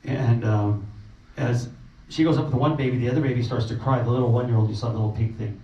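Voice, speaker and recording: A man recounting his relief trip at a meeting, emotional and halting, with many restarts. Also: medium pitch, steady tone, warm tone. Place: meeting room. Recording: roomy, distant, muffled, faint noise.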